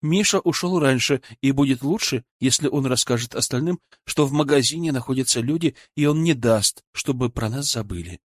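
A man's voice: medium pitch, brisk, few pauses, dry recording, lightly acted. A man reading the lines of a soothing woman reassuring a friend.

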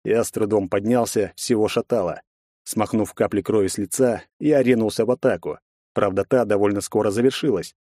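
A man narrating a first-person fantasy audiobook in a measured storytelling manner. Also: on the low side, warm tone, no echo, studio quality.

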